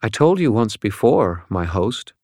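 A stern, ancient female fallen angel, as a male narrator puts her on, speaking in formal, measured sentences full of disdain. She sits clearly higher than a deep male voice would, with a cold, deliberate delivery in a storybook reading. The sound is close and dry, with no room around it. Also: big pitch swings, darkish tone, no room sound, exaggerated voice.

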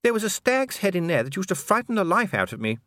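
A man's voice: sits high, very animated, fast talker, a bit bright, no echo, clean studio sound, pitched above the performer's own voice. A man voicing a refined, kind-hearted noblewoman in a raised, fluttery voice. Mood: genteel. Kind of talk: audiobook character voice.

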